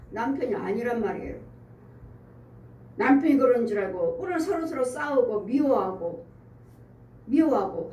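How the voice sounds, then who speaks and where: A woman's voice: high-pitched, warm tone, distant mic. A woman pastor giving an emotional, emphatic sermon testimony, heard in a church room. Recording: echoey room, voice from off-mic.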